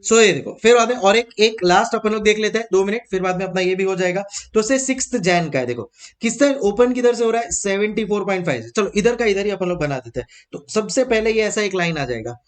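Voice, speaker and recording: A man teaching an exam-prep lecture in a lively way, mixing English terms into his speech, repeating key points and calling his students "beta" in a fatherly tone. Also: sits high, fast talker, faint music behind.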